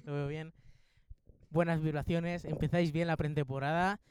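A young man playing a joking sports commentator among friends, breaking into loud shouts. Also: on the high side, level tone, moderate pace, smooth. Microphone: headphones and mic.

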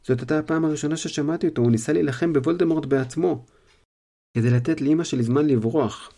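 An earnest, stubborn teenage wizard boy, voiced by a man in a slightly raised, gravelly voice. He pleads eagerly and talks in a mellow, low-key way.

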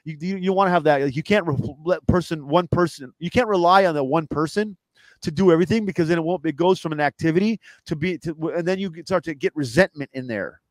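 A man who is a comedian and home cook, a guest in a casual interview, rambling fast with lots of fillers. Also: on the high side, dry recording.

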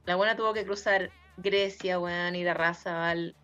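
A woman with a Chilean accent, chatting casually and telling animated, slang-heavy stories. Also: lowish voice, unhurried, clean tone. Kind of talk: casual chat. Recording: dull lo-fi audio with faint music.

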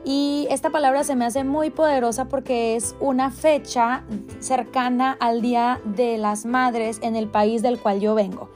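A middle-aged woman from Mexico with a Mexican Spanish accent, a life coach sharing a devotional reflection in a conversational way, pausing and restarting often. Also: a little high, steady tone, faint music behind. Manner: warm conversational, many hesitations and restarts.

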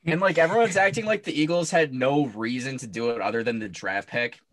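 A man's voice: mid-range voice, fairly quick. A young man co-hosting a sports podcast, talking in an incredulous, sarcastic casual way. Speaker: podcast co-host.

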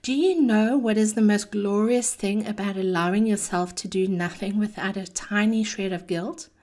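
A woman delivers a chatty motivational monologue as a podcast host. Her manner is theatrical and cheeky, mixing personal anecdote with encouragement. Her pitch sits in an average range for a woman. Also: moderate pace, darkish tone.

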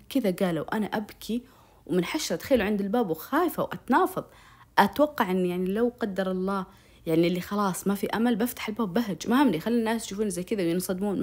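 Woman, young, quick pace, medium pitch, emotional first-person storytelling. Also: darkish tone. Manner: emotional, breathless retelling with oaths and direct appeals to listeners.

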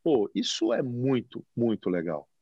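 A man who manages a TV station, answering interview questions in a reflective, expressive way and gesturing as he talks, recorded in a TV recording studio. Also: medium pitch, unhurried, no room sound, highs cut off. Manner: expressive, speaks with his hands.

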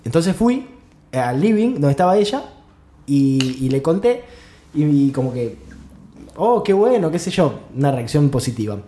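A man with an Argentine Rioplatense accent, co-hosting a casual podcast chat, telling anecdotes and cracking quick jokes. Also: medium pitch, lively intonation, warm tone. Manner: joking, chiming in with quips. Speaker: podcast co-host. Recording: roomy echo.

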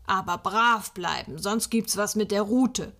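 A woman reading a storybook aloud, voicing a cheeky little boy who plays Saint Nicholas in a gruff, bossy, loud pretend-grown-up tone. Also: mid-range voice, a little slow.

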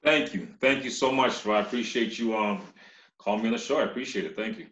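A man with a low, slightly bright voice talks fast, telling stories casually as an interview guest. He is a company CEO from Uganda who moved to Massachusetts as a child. The recording is echoey, dull and muffled.

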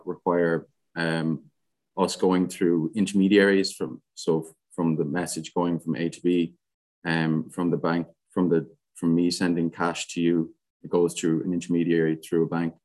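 A young man with a west of Ireland accent, talking casually and haltingly as an interview guest. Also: deep voice, a little mellow. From Galway, west of Ireland. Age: young adult. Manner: hesitant, halting, frequent "like". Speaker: podcast guest, student society president.

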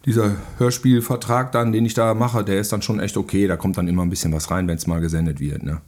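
Lowish and darkish, with fairly even intonation and a fast delivery, this man chats casually as a podcast guest. A film director and radio play writer, he tells rambling stories at his own expense.

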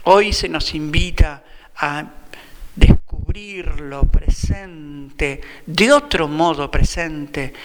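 A man's voice: fairly high pitch, very slow, big-room sound. A man with an Argentine accent, a Franciscan friar preaching a sermon in a reflective way, often repeating phrases for emphasis. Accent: Argentine Spanish.

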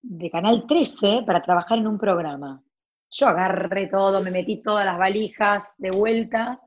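This clip features a woman in her forties, an actress guest with a Rioplatense Argentine accent, telling stories about her life in a relaxed way full of restarts and tangents. She speaks at a normal speed in a mid-range voice, and the recording has its highs cut off.

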